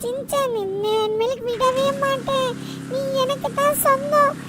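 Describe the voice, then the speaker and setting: Brief: a boastful possessed cartoon boy, very high and squeaky, distant in loud game noise. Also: level tone, a little slow. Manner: boastful, threatening, shouting at others. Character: small cartoon boy's body ruled by an evil power, boastful.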